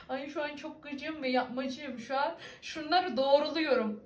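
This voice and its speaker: A woman's voice: high-pitched, measured pace, slight background noise. A young woman from İzmir with an Aegean Turkish accent, casually reading and teasing back at viewer comments, laughing often. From İzmir, Turkey. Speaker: vlogger. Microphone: computer webcam. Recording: echoey room.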